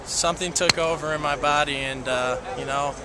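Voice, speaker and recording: A man in his twenties, a baseball player giving a measured, understated postgame interview outdoors on a ballfield. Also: on the high side, fairly even intonation, very noisy. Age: 20s. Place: outdoors on a baseball stadium field.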